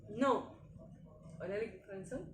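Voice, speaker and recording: A woman's voice: medium pitch, very fast, distant mic. A young woman with an Egyptian Arabic accent, bantering and teasing through a casual quiz game with a friend. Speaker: singing challenge contestant and questioner. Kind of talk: playful casual quiz chat. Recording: echoey room, off-mic, faint noise.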